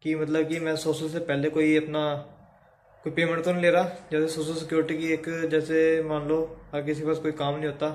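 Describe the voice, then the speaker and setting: A man's voice: fairly high pitch, completely flat delivery, a little fast, darkish tone. A young man from Haryana chatting casually in a daily vlog, giving running commentary to a handheld phone camera. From Haryana, India. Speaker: vlogger. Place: kitchen, then outdoors on streets. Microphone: phone at arm's length.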